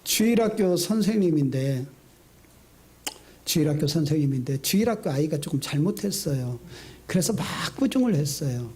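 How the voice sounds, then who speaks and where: Middle-aged pastor guy preaching, high voice, mellow tone, jumps from excited to hushed. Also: normal speed. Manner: lively storytelling, acting out quotes; sudden swings between high excited and low hushed delivery. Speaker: senior pastor. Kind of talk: sermon.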